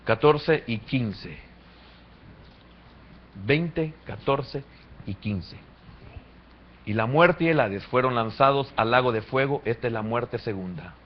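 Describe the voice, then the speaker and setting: A man preaching a sermon as pastor, swinging from quiet to loud. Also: medium pitch, a little hiss or hum. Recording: muffled lo-fi church recording.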